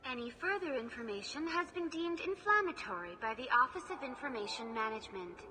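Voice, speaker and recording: A woman's voice: high voice, animated, a little fast, background noise. A woman voicing a polite female AI information hologram who speaks in formal, scripted phrases. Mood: courteous.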